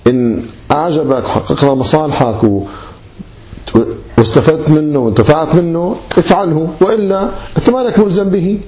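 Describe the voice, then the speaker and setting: A man's voice: on the high side, dark tone. A man teaching Islamic law in a classroom lecture, calling his listeners brothers and asking and answering his own questions.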